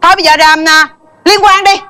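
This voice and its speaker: A woman's voice: very high voice, steady tone, bright, forceful tone. An actress playing a bossy, scheming wife who nags her singer husband in a stage comedy sketch. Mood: nagging. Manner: nagging, fast and exclamatory. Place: television studio stage.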